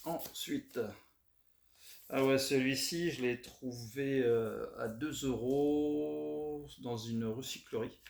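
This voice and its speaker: A man talks casually about his record finds, relaxed and hesitant with many fillers. His voice sits in a mid range. The room gives a roomy echo with a faint background hiss. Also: mid-range voice, takes it slowly, creaky. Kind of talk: casual unboxing chat.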